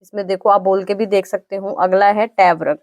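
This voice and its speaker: A woman teaching an exam-prep grammar lesson, patiently repeating definitions and sounding out each letter slowly. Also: medium pitch, steady tone, a little mellow, dry recording, clean studio sound.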